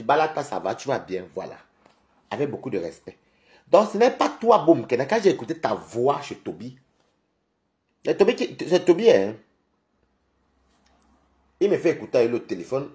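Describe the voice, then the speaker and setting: A man's voice: medium pitch, a little mellow. A tired, sleepy man hosting a live stream, ranting at a rival and repeatedly calling her out with taunts. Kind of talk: confrontational live-stream rant. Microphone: phone.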